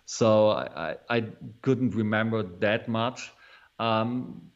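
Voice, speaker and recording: A man's voice: lowish voice, takes it slowly. A man in his thirties with a German accent, a guest chatting casually in English as his second language, hesitant and repeating words with small chuckles. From East Germany. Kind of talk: casual conversation. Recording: dull lo-fi audio.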